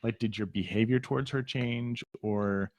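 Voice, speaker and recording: A man's voice: medium pitch, steady tone, moderate pace, darkish tone, no room sound. A man hosting a podcast, asking curious, probing questions and rephrasing them as he goes. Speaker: podcast host. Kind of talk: interview questions.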